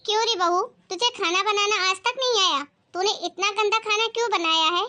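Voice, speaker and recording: A woman's voice: very high-pitched, a little fast. A woman acting a bossy, cruel mother-in-law who scolds her daughter-in-law in a family drama. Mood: scolding. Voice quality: scolding, sharp-tongued.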